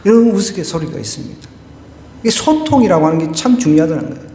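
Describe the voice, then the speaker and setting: A pastor speaks fast in a high, warm voice with lively intonation, with slight background noise in the echoey church hall. His sermon is conversational, built on questions to the congregation and a funny story he tells as a joke.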